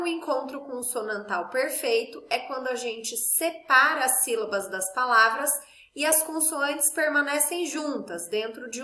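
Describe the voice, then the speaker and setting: A woman teacher giving a patient school lesson to children, explaining slowly and checking they follow. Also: high voice, sharp tone, roomy sound.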